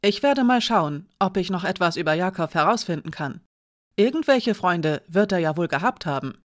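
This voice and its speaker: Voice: medium pitch, expressive, normal speed, no room sound, studio quality, close to an everyday voice. A narrator voicing a curious, easily indignant young male apprentice in a storybook reading. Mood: eager.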